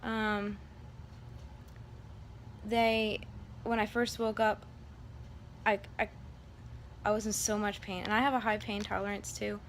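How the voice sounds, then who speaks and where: A woman's voice: mid-range voice, level tone, slow, long pauses. A woman talking casually to her vlog audience, recounting a personal experience in a rambling, candid way. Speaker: vlogger. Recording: background room noise.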